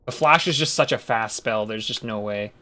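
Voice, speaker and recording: A young man with a bright, crisp voice talks casually through a video game run, half to himself. His commentary jumps from low muttering to loud yells. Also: normal speed. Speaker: speedrunner. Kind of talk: live gameplay commentary.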